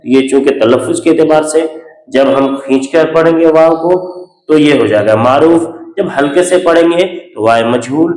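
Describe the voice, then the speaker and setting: A man's voice: a little high, moderate pace, a little mellow. A man teaching an exam-prep grammar lesson, asking questions and answering them himself and repeating key terms often. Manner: repeats key terms with frequent "theek hai". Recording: echoey room.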